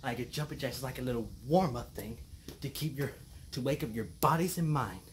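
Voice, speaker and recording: A young man chatting casually to camera outdoors, talking haltingly and often repeating his phrases. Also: mid-range voice. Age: young adult. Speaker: vlogger. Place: outdoors on porch and yard. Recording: noisy outdoor camera audio.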